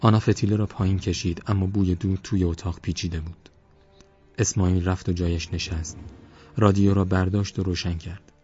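A man narrating a novel as an audiobook in measured, even scripted storytelling, recorded with dull lo-fi sound and faint music. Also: low-pitched.

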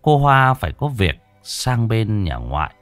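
Low-voiced man telling a village horror tale. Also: big pitch swings, fairly bright tone, no room sound, faint music behind. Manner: slow, dramatic, folksy storytelling. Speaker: storyteller. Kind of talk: spoken horror story narration.

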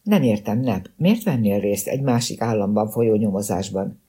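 An anxious, evasive middle-aged mother, as a male audiobook narrator reads her, hesitant and guarded in every question. The voice stays dark and husky, close to the reader's own. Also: on the low side, animated.

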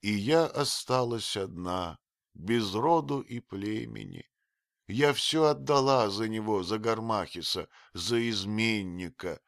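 A man reading an audiobook, voicing a very old grieving female servant who wails and scolds in a strained high voice. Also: expressive, slow pace, a bit bright, no room sound, studio quality. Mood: bitter. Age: older.

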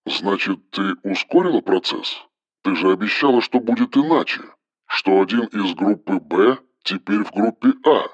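Властный холодный босс говорит по телефону, как его играет чтец аудиокниги: низкий, глуховатый голос с тусклым звуком. Каждая фраза звучит как приказ. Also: male voice, low-pitched, expressive, moderate pace, no room sound, lo-fi sound, pitched below the performer's own voice. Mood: alarmed. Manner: harsh, clipped, commanding. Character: stern cold male boss on the phone. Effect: phone voice.

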